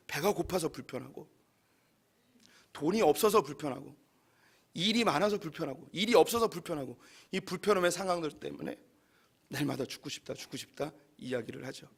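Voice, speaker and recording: A man's voice: fairly high pitch, a bit bright. A male pastor giving a sermon in a conversational, emphatic way to his congregation in a church.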